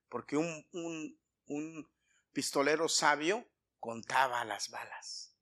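A man preaching a sermon to his congregation, speaking with emphatic swings in volume and clearing his throat often. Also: mid-range voice, sharp tone. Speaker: pastor.

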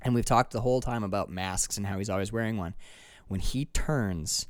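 A man's voice: on the low side, normal speed, no room sound. A man co-hosting a casual film podcast, talking animatedly and swearing as he acts out scenes. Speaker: podcast co-host.

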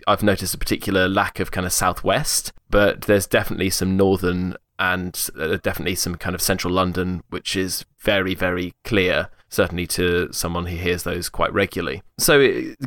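A man's voice: deep voice, fairly bright tone, no room sound, clean studio sound. A young man hosting a casual chat, explaining his points with frequent restarts and eager detail. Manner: hesitant, many restarts, enthusiastic about detail. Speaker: podcast host discussing accents.

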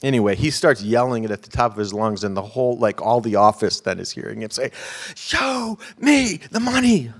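A man preaching a sermon as a pastor, telling stories with animated swings between loud emphatic peaks and hushed low asides. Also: quick pace, creaky, hardly any pauses.

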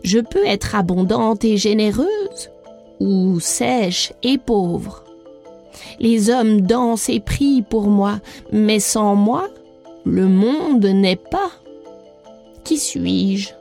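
A woman's voice: mid-range voice, expressive, creaky, dark tone, soft background music, full character voice. Woman doing an old solemn priestess. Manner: slow, solemn riddling speech. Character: old wise female priestess, calm and mysterious.

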